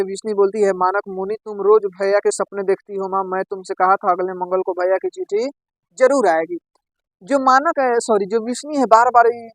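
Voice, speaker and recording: A man's voice: high-pitched, no room sound, poor audio. A man teaching, reading a play aloud line by line and explaining each part in plain words. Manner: reads lines aloud, then explains them in plain words.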